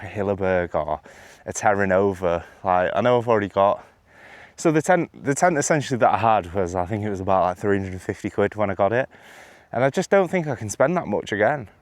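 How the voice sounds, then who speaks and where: A man's voice: on the low side, no echo. Rambling young man on a hike. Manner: casual, chatty, self-deprecating, lots of fillers. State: out of breath. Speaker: vlogger. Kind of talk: rambling hiking vlog. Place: outdoors on a hiking trail.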